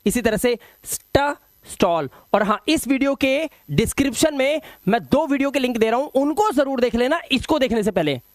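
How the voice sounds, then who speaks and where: दोहराकर सिखाने वाला ज़ोरदार पुरुष शिक्षक. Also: male voice, very high-pitched, animated, dry recording, clean studio sound. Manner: emphatic, repeats words slowly for drilling. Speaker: English teacher. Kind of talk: online phonics lesson.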